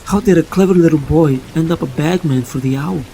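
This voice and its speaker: A man's voice: a little high, brisk, vocal fry, warm tone, a little hiss or hum. A man voicing a guilt-ridden young superhero who sounds panicky and blames himself. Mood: guilty. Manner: panicky, self-blaming. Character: young adult male superhero, anxious and guilty.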